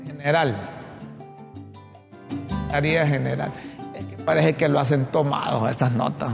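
A man's voice: a little high, fairly even intonation, brisk, gravelly, long reverb tail, music in the background. A man from Honduras co-hosting a casual political talk show, reading news notes aloud with frequent restarts.

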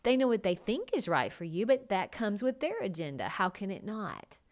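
A woman's voice: medium pitch, very animated, moderate pace. A woman hosting a solo podcast in a casual, conversational way, speaking straight to her listeners with emphatic points. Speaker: podcast host and design consultant.

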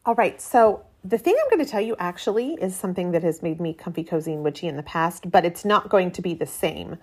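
A woman's voice: lowish voice, lively intonation, a little fast, a little mellow. A woman in her late thirties hosting a solo podcast in a casual, chatty, informal way. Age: late 30s. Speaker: podcast host. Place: cabin with a metal roof in rain.

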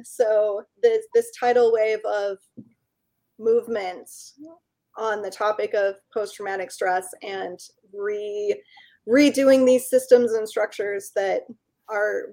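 Higher-pitched, mellow woman interviewer. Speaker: interview host. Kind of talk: conversational interviewing.

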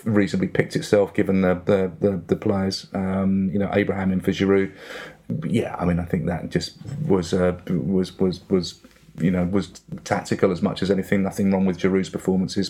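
A man's voice: low voice, a little mellow. A middle-aged man with an Essex accent, chatting casually about football as a fan guest on a podcast. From Essex and east London, England.

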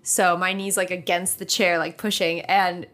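A young woman co-hosting a podcast, telling an animated story with swearing and frequent laughter. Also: fairly low pitch, normal speed. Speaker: podcast co-host. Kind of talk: casual chat.

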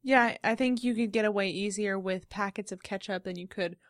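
A woman's voice: mid-range voice, fairly quick, dry recording. A woman with a mid-range voice co-hosts a casual chat show, full of jokes and teasing back-and-forth. Her voice sounds close and dry, with no room around it. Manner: jokey, teasing banter. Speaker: podcast co-host.

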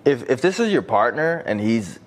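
A man from Detroit hosting a casual, frank chat in a slangy, jokey, expressive way. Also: medium pitch, normal speed. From Detroit, United States. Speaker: host.

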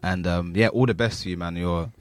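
Male interviewer, London roadman accent, low register, dry recording, casual and slangy. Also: fairly even intonation, a little fast, no echo. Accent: London, urban street style.

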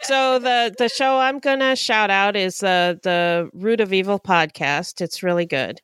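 A woman co-hosting a casual podcast, animated and quick to react. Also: medium pitch, smooth, dry recording, clean studio sound. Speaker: podcast co-host.

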